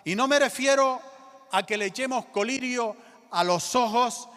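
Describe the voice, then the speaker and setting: A man's voice: extremely high pitch, normal speed, fairly bright tone. A male pastor preaching a sermon in a church, calling out to the congregation and urging them to answer back. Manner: emphatic preaching with call-and-response to the congregation. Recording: reverberant church hall.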